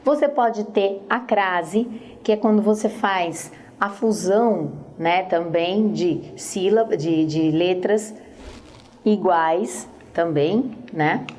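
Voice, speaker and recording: A woman's voice: mid-range voice, darkish tone, a little hiss or hum. A woman teacher explaining poetry scansion in a recorded lesson, speaking straight to the student and often checking in with short tag questions.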